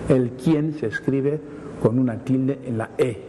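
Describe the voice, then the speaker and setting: On a TV segment answering viewer questions, a male language academic with a medium-pitched voice explains what words mean at a measured pace. He reads definitions, then offers examples, often repeating himself, in a reverberant studio with faint hiss.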